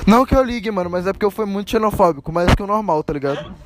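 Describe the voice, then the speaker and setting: A man's voice: high-pitched, animated, rapid-fire, noisy background. A young man hosting a casual, slangy live stream chat outdoors in a public square, joking crudely. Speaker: podcast host.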